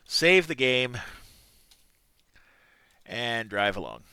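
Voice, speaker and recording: Bright-voiced man reading a game aloud. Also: medium pitch, big pitch swings, extremely slow, clean tone, no echo. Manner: casual, muttering asides. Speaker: gameplay commentator. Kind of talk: let's play commentary, reading game text aloud.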